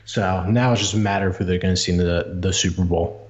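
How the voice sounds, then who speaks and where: A man co-hosting a casual sports podcast, giving game analysis in a halting way, repeating words as he thinks. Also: sits low, steady tone. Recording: dull, lo-fi podcast audio.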